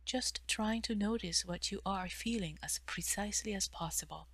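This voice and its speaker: A woman who works as a meditation guide and therapist leads a mindful stretching meditation, her soft, breathy voice giving gentle, measured instructions. She pauses often, and her phrases tend to fade toward a whisper. Her voice is mid-range, with no room sound.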